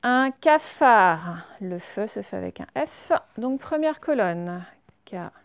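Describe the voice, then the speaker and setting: Une enseignante qui fait une leçon d'orthographe pour enfants, lente et patiente, qui répète chaque mot deux fois. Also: female voice, medium pitch, expressive, vocal fry, dark tone, no echo. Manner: slow, patient, repeats each word twice. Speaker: teacher. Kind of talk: spelling lesson read to children.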